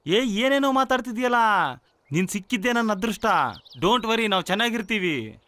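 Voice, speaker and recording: A man's voice: very high-pitched, lively intonation, moderate pace, sharp tone, no echo, full character voice. An actor playing an earnest, reassuring young man in love, in a film. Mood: tender, reassuring. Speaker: lead character. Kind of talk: film acting.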